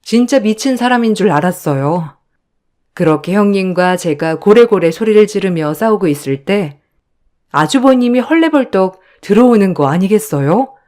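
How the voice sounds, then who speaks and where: A woman's voice: mid-range voice, animated, moderate pace, darkish tone. A woman narrating a first-person story in a polite, aggrieved storytelling tone.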